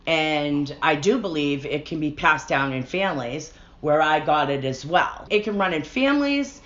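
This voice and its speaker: A woman's voice: deep voice, animated, normal speed, a bit bright. A middle-aged woman talking candidly about personal matters as an interview guest, on a dull lo-fi recording.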